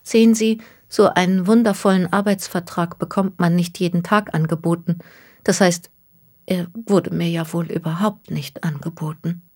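A woman's voice: on the low side, steady tone, moderate pace, voice pushed up, close to an everyday voice. Woman voicing a distraught young woman near tears. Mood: earnest. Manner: pleading, close to tears. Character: young woman, distraught, stranded by a cruel hoax.

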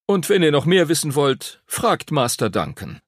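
A man's voice: a little high, sing-song, moderate pace, no room sound, studio quality, pitched above the performer's own voice. A man voicing a weary, patient schoolmaster. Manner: tired, patient.

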